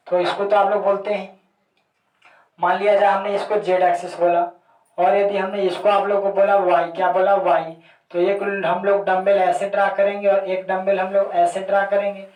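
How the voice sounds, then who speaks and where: Monotone male chemistry teacher in an echoey room. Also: high-pitched, normal speed. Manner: repeats key terms as questions to students. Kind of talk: classroom lecture. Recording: echoey room, voice distant from mic.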